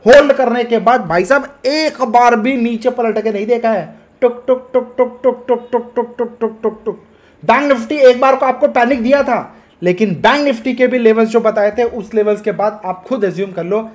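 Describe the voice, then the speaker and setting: A man hosting an energetic trading video, talking up his market calls, mixing in English phrases and urging viewers to like and share. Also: extremely high pitch, normal speed. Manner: hyped, emphatic, mixes English phrases, coaxes viewers. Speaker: stock market trading educator. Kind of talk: energetic market commentary to camera.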